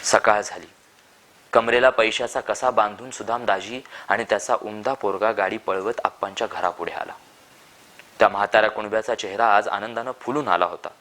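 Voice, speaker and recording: A man reading a short story aloud in calm, measured narration. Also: fairly low pitch.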